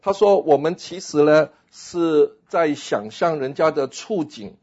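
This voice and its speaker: A man, a pastor, giving a lively lecture on a philosophy text, acting out little scenes and slipping in English phrases. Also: on the high side, a little slow, lo-fi sound.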